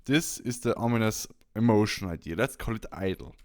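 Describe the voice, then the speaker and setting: A man with a fairly low voice talks fairly quickly while presenting a step-by-step software tutorial. He thinks aloud a little hesitantly as he demonstrates.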